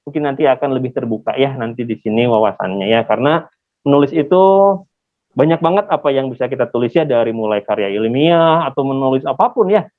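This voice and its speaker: Wearing a face mask, a man hosts a casual webinar, talking fast and expressively in a medium-pitched voice while frequently checking that his audience is following. The video-call audio is muffled and phone-like.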